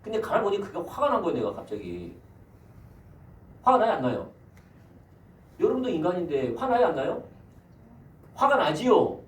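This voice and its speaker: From a far-off mic in an echoey church sanctuary, this is a senior pastor's Sunday sermon, delivered in a high-pitched voice with big swings in pitch. He speaks at normal speed, pausing often to pose rhetorical questions to the congregation.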